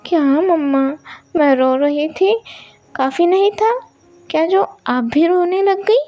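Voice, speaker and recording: A woman's voice: very high-pitched, slow, muffled recording, soft background music, pitched above the performer's own voice. A woman voicing a sweet twelve-year-old girl who pleads in a whiny, childlike way. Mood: pleading.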